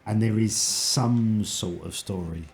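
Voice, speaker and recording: A man's voice: on the low side, slow pace, vocal fry, crowd noise. A man chatting casually with friends and viewers on a game stream.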